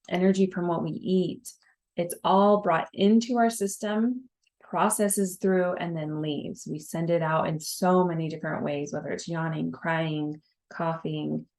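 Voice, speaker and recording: A young woman with a low voice teaches breathwork in a relaxed, conversational way. She often stops on fillers and checks in with her listeners as she explains. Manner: conversational, with frequent fillers and tag questions. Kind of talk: casual teaching talk.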